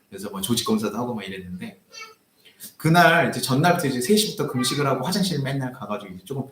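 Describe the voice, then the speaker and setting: A man, a pastor, preaching a sermon in a church and telling a personal story in an animated way, acting out his own heated lines. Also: lowish voice, reverberant, a little hiss or hum. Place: church sanctuary.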